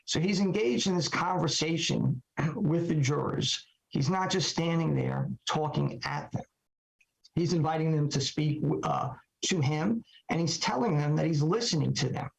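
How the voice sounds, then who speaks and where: Recovering from hoarseness, a trial lawyer guesting on a podcast talks alone and reflectively in a gravelly, slightly high voice. His speech stops and starts, packed with fillers and questions he poses to himself, and the podcast recording sounds dull and lo-fi.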